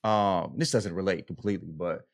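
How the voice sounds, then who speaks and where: Deep, steady, and edged with vocal fry, this man's voice moves fairly quickly as he co-hosts a podcast. He chats about a book in casual slang, hammering points through repetition and frequently asking "you know what I mean."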